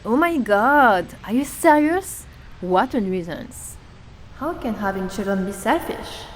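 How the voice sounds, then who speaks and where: A woman acting in an animated short film, speaking in an earnest, questioning manner. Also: mid-range voice, unhurried, slight background noise, close to an everyday voice, low-quality recording. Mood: indignant. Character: opinionated woman, later a polite, attentive therapist. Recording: music under the voice.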